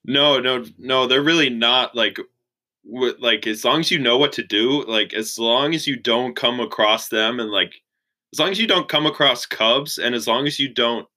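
Bright-voiced young man chatting casually. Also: mid-range voice, normal speed, rough recording. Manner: relaxed, many "like" fillers. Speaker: interview guest. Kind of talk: casual chat.

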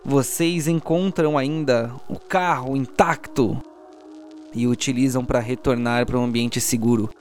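Soundtrack music runs behind this game master's medium-pitched, unhurried voice, which keeps a fairly even intonation. Speaking with a Brazilian accent, he narrates a tabletop RPG audio drama in a theatrical storytelling style.

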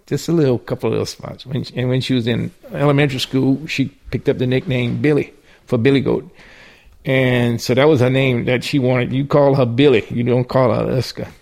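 An older interviewee from southern Louisiana with a Cajun accent tells folksy stories from his life, often restarting and chuckling. His voice is mid-range and a little mellow, with vocal fry.

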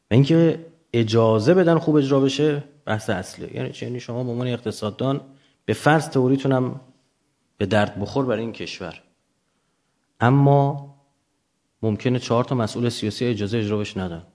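A man's voice: medium pitch, darkish tone. A man lecturing off the cuff to students, didactic, often posing questions and answering them himself.

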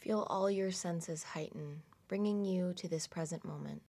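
A woman narrating a guided meditation slowly and soothingly, in a hushed delivery with long pauses. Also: lowish voice, gravelly.

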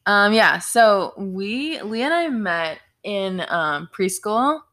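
A woman's voice: mid-range voice, lively intonation, takes it slowly, fairly bright tone. A woman in her twenties co-hosting a casual podcast, hesitant and full of ums. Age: 20s. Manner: hesitant, many ums and restarts. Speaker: podcast co-host. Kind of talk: casual chat.

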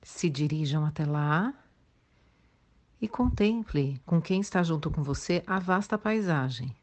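A Brazilian woman leading a guided meditation in a soothing, gentle way, leaving long pauses. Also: deep voice, lively intonation. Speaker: guided meditation instructor for children and teenagers.

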